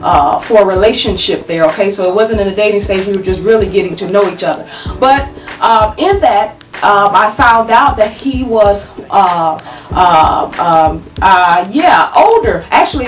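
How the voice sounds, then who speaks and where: A woman in her thirties giving relationship advice to her webcam at home, animated and preachy, checking in with "okay?" again and again. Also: medium pitch, normal speed, echoey room, recorded from a distance, faint music behind, poor audio. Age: 30s. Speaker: advice vlogger. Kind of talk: casual advice talk to camera. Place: small room at home, indoors. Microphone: webcam at desk distance.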